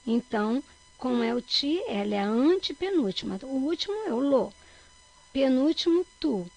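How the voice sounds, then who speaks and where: A Brazilian woman teaching a recorded grammar lesson for children, her fairly high voice rough with gravel and a husky edge. She stretches key words out loud to mark the stressed syllable and keeps checking in with her young listeners. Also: lively intonation, moderate pace, low-quality recording. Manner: checks in with frequent "tá bom?".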